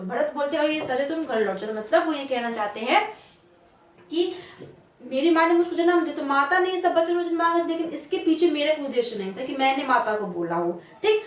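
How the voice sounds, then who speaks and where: A woman's voice: high-pitched, echoey room, recorded from a distance, a little hiss or hum. A woman teacher explaining a poem line by line in a casual lesson, repeating points and asking rhetorical questions. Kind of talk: casual Hindi literature lesson.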